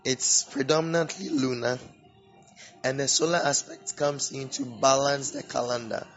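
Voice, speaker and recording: A man hosting an informal religious teaching podcast with a sore, swollen-throat voice, speaking haltingly and repeating words. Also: medium pitch, fairly even intonation, a bit bright. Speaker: podcast host. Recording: dull lo-fi audio, music behind. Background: background music.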